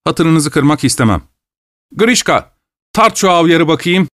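A man's voice: fairly high pitch, animated, unhurried, a bit bright, dry recording, studio quality, pitched above the performer's own voice. A man voicing a male delicatessen seller who obliges a customer reluctantly. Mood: grudging.

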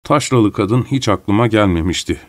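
A man narrates an audiobook at a moderate pace, lightly acting the part of a sharp-tongued, blunt, irritable and suspicious middle-aged gentleman in a voice on the low side.

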